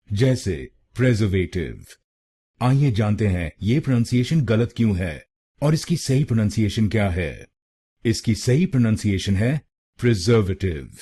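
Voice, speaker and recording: A man giving a scripted pronunciation lesson, speaking slowly and carefully and repeating each syllable. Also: lowish voice, mellow, slightly rough. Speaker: pronunciation teacher.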